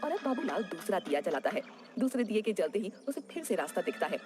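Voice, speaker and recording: A woman's voice: mid-range voice, big pitch swings, fast talker, a little mellow, soft background music. A woman narrating a cartoon story in plain, scripted storytelling.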